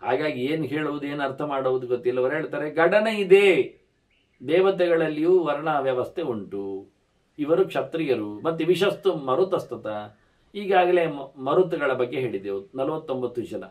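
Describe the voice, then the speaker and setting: Animated older man telling scripture stories. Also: moderate pace. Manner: animated, swings pitch and loudness, voices characters in quotes. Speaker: scholar giving a religious discourse. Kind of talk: lively storytelling discourse on scripture.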